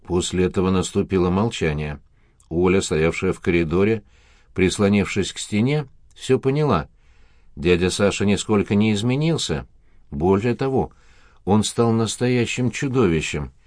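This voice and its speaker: Low male narrator, measured storytelling, dry close mic. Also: lively intonation, darkish tone, no echo.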